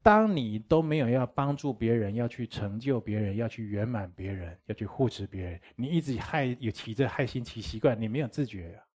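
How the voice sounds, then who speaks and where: A man's voice: medium pitch, lively intonation, fairly quick, hardly any pauses, darkish tone, breathy edge. A man giving a dharma lecture as a Buddhist teacher, speaking conversationally, chuckling and asking his listeners rhetorical questions.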